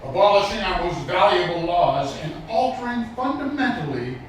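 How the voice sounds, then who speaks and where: A high-voiced man recites formally, far from the microphone in a very reverberant space. His oratory is lofty and stately, set out with deliberate pauses, and a faint noise sits behind it. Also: lively intonation. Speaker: public reader at a commemorative event. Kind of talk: formal public recitation of a historical declaration. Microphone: distant microphone. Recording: distant, very echoey, some background noise.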